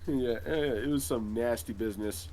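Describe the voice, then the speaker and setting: A boastful middle-aged veteran hero with magic powers, played by a man in an improvised role-play podcast. He rambles and hesitates, leaning on filler words, in an ordinary mid-pitched voice with faint noise behind it. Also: normal speed, darkish tone, natural voice. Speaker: interview guest.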